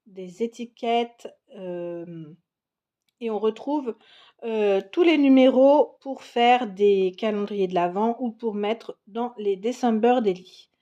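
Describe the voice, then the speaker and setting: Unhurried woman, slightly high voice, chatty craft vlogger, lots of fillers. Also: mellow. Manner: chatty, frequent fillers and restarts, enthusiastic. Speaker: craft vlogger showing scrapbooking supplies. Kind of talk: casual product show-and-tell.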